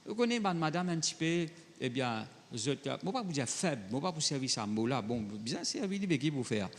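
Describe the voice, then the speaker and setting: A male pastor preaches conversationally, reading Bible verses and then speaking straight to the congregation, mixing French with Creole phrasing. His voice is a little high, sing-song and a little fast, with a long reverb tail and a little hiss or hum.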